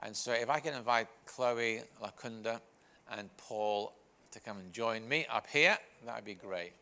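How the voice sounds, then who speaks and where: A man's voice: medium pitch, unhurried, sharp tone. A man hosting a session informally, introducing and questioning guests, rephrasing hesitantly as he goes. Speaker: session host and interviewer.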